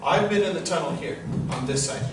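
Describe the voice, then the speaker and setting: A middle-aged man with a fairly high voice leads a campus tour as an informal storyteller. He talks conversationally and checks in with his listeners through questions. He sounds far from the microphone in a very reverberant, noisy space. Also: expressive, a little fast. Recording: distant, very echoey, noisy group-tour recording.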